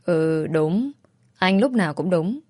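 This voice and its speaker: A woman's voice: fairly low pitch, animated, takes it slowly, a little mellow, dry recording, clean studio sound. A woman voicing a wry young divorced woman, exasperated with her companion.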